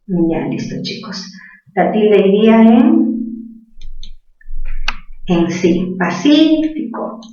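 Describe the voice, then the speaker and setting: A woman teacher talks slowly and deliberately, working through each example step by step. She sounds far from the microphone, in a very echoey classroom, with dull, muffled sound. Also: medium pitch, a little mellow. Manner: patient, asks questions and answers them herself. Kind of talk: spelling lesson to students.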